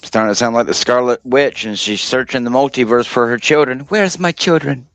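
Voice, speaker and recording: A man's voice: medium pitch, fairly even intonation, brisk, a bit bright, clean tone, no room sound. Male co-host type, teasing, slangy, dry close sound. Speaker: podcast participant. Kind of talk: casual joking chat.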